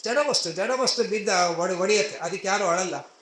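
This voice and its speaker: A man's voice: high voice, moderate pace, a bit bright. A man voicing a proud male demon king who scornfully lectures his grieving family, recorded in an echoey hall.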